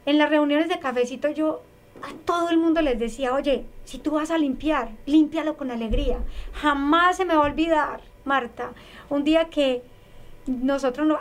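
High-voiced woman telling her story. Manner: animated, emphatic, repeats phrases for emphasis. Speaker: guest. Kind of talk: personal storytelling in conversation.

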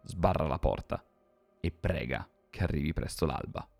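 A man voicing a haunted young male gunslinger, grim and determined, with terse, low, brooding lines. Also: normal speed, vocal fry, darkish tone, soft background music, full character voice.

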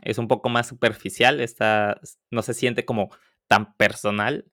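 Calm low-voiced host. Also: male voice, no room sound, studio quality. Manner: calm, measured questioning with summaries. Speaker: podcast host. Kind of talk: casual interview chat.

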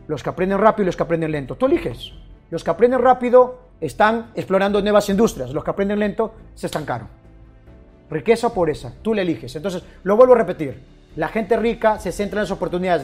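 A man's voice: high voice, lively intonation, a little fast, a little mellow, soft background music. A man giving an emphatic motivational talk, often repeating lines and speaking straight to the listener. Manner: emphatic, repetitive, addresses listener directly.

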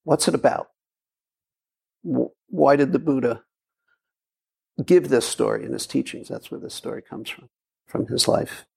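A man's voice: mid-range voice, measured pace, creaky, long pauses, warm tone, breathy edge. A man giving a Zen dharma talk, telling a story in a rambling way with repeats and fillers. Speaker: Zen teacher. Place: meditation hall.

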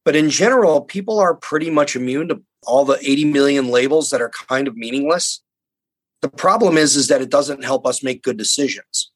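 A man's voice: fairly high pitch, poor audio. A man, a university scientist, speaking as a guest in an interview, explaining things in an earnest, plain-spoken way. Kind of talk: conversational interview.

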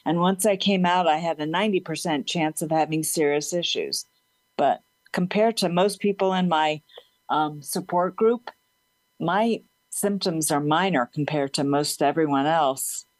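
A support group leader appearing as an interview guest talks in a deep, unhurried voice, chatting openly and casually with a slight slur and frequent laughter. The recording is low quality but has no echo.

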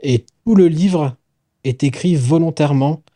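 A man's voice: a little high, unhurried, dark tone, no echo. A man co-hosting a casual book podcast, rambling and searching for words, swearing now and then. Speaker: podcast co-host. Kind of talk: casual chat about books.

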